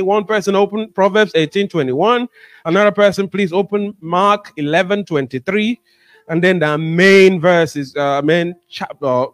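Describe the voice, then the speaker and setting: A man in his thirties preaching an emphatic sermon into a handheld microphone, asking rhetorical questions and repeating phrases. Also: on the high side. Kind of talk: animated sermon with call-and-response questions to the congregation. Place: indoor church room, at a lectern.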